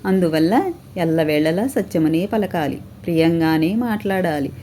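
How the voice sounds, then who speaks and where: A woman narrating a moral story in a measured storytelling manner. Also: lowish voice, animated, dark tone, slight background noise.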